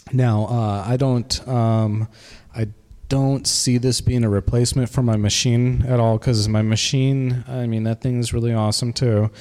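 A man giving a casual, halting demo of his music software, with a reverb effect on his voice. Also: lowish voice, smooth. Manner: halting, many fillers. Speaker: music producer.

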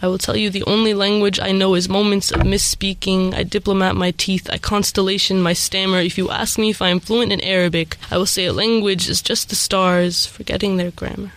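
A woman's voice: mid-range voice, little pitch movement, a little fast, hardly any pauses, slight background noise, low-quality recording. A young American woman from California, speaking as a guest poet on the radio. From California, United States. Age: young adult. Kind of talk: radio interview and poetry reading.

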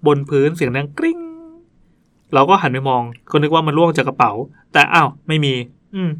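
A man's voice: fairly high pitch, fast talker, a bit bright. A male podcast host reading listener ghost stories aloud in a chatty way, stopping now and then to comment. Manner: chatty, breaks off to joke and comment.

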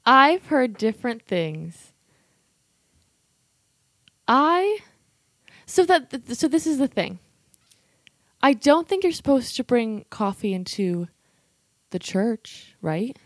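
A young adult woman co-hosting a podcast in natural, unscripted casual talk, hesitant and halting as she speaks. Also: a little high, sing-song, no room sound, studio quality. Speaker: podcast co-host.

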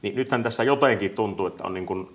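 Low-voiced man hosting a chat. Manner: agreeable, fills speech with "niin kuin". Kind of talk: casual podcast chat.

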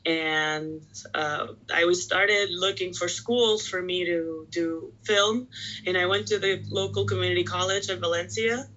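Bright, chatty young woman from Puerto Rico. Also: on the low side, fairly even intonation, unhurried, muffled recording. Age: 20s. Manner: chatty, peppers talk with "like". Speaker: pro wrestler, podcast guest. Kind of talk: casual chat.

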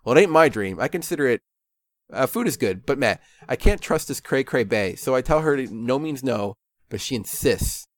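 A man's voice: medium pitch, animated, normal speed, no echo. A man narrating a game playthrough in a sarcastic, self-mocking way.

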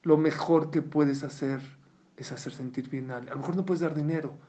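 A man giving a sermon, telling a story with lively quoted voices. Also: on the high side, a little fast. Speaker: rabbi or religious speaker. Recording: dull lo-fi recording.

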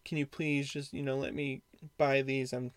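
A man's voice: medium pitch, level tone, moderate pace, dry recording, lightly acted. A man imitating a whiny, desperate woman customer begging to be served. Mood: pleading. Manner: whining, begging.

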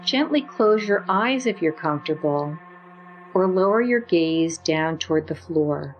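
A woman leading a guided meditation with slow, soothing, gentle instructions. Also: deep voice, animated, muffled recording, faint music behind.

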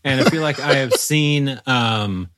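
A man's voice: mid-range voice, measured pace, fairly bright tone. Rambling, self-deprecating podcast co-host man. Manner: rambling, self-deprecating, stammers and repeats words. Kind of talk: casual chat.

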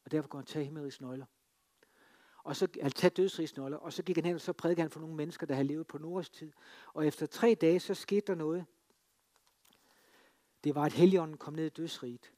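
A man preaching a sermon, telling the story dramatically and swinging between emphatic lines and hushed ones. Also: on the high side, long pauses. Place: free church.

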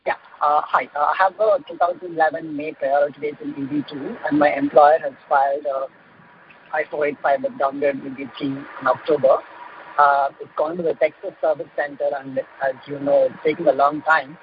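A man calling into a radio advice show over the phone, asking his question with many hesitant pauses. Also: a little high, fairly even intonation, slight background noise. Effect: phone call heard on air. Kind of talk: call-in question. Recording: dull phone-line sound.

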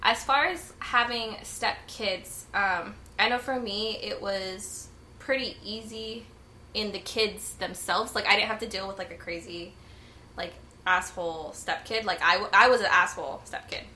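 A woman's voice: medium pitch, measured pace, bright, forceful tone, slight background noise, rough recording. A woman in her twenties co-hosting a podcast, talking frankly and jokingly with lots of fillers. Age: 20s. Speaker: podcast co-host. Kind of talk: casual chat.

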